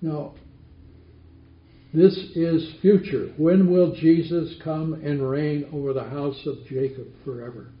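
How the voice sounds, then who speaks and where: A man's voice: on the high side, steady tone, slow. A man teaching a Bible study class, asking the group questions and repeating their answers back. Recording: roomy, dull lo-fi recording.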